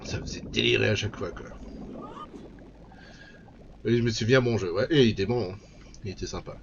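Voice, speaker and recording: A man's voice: on the low side, a little fast, gravelly, highs cut off, a little hiss or hum. A man streaming a game, chatting casually and playfully as he plays. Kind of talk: casual let's-play commentary.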